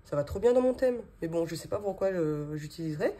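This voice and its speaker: A woman's voice: on the low side, expressive, fast talker, warm tone. A woman in her thirties, chatting casually at her desk as she unboxes and shows her budgeting binders, with many fillers and small laughs. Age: 30s. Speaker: budgeting vlogger. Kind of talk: casual show-and-tell vlog. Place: home office desk, indoors.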